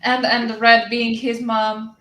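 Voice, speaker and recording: A woman's voice: on the high side, little pitch movement, unhurried, pushed and bright. Playful teasing woman in a roomy space. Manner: playful, teasing, stumbles over words. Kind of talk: casual chat.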